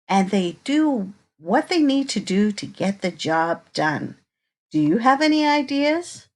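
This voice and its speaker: At a slow, measured pace, a woman reads a picture book to children, her pitch rising and falling with lively expression. Like a teacher, she turns to the young listeners with inviting questions, never rushing.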